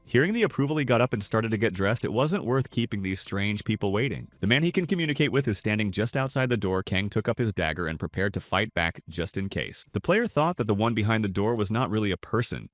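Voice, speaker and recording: A man with a fairly low voice narrates a comic story recap at a brisk, rapid clip. His delivery is steady and scripted, recorded close and dry with no room sound. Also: no room sound.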